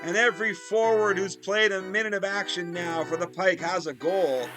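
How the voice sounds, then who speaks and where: A man giving excited play-by-play commentary on a video game hockey league, his voice jumping up on big plays and drifting into chatty asides. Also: moderate pace, over music. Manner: rises sharply in pitch and volume on big plays, chatty asides.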